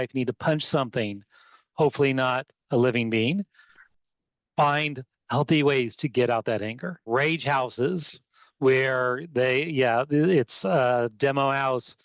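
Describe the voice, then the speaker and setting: A man hosting a conversational interview, speaking in a calm, affirming way. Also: mid-range voice, dry recording, lo-fi sound. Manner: calm, affirming, slow-spoken. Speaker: interview host.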